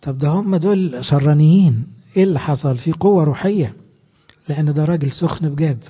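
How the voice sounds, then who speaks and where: A man with an Egyptian Arabic accent preaching a sermon, emphatic and animated, asking his listeners rhetorical questions. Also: on the high side, a little fast, slightly rough, muffled recording.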